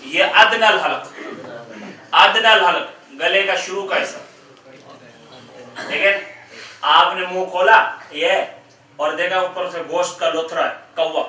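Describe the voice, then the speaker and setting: A man teaching Quranic pronunciation to a class, slowly drawing out and repeating each letter sound. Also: high voice, steady tone, pushed and bright. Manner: slow, drawn-out demonstration of letter sounds. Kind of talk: classroom tajweed lesson. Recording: echoey room, mic far off.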